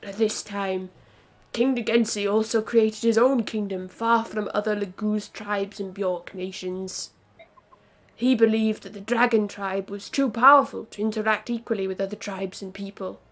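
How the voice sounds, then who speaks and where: A woman's voice: medium pitch, fairly even intonation, normal speed. A woman streaming a game, reading its story dialogue aloud earnestly, with joking asides.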